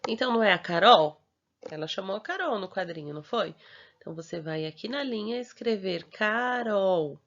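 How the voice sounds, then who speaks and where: A woman teacher with a Brazilian Portuguese accent, patiently walking through a homework worksheet. She draws out syllables slowly and keeps checking in with short tags. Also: mid-range voice, expressive, a bit bright. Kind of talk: recorded homework explanation. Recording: dull lo-fi recording.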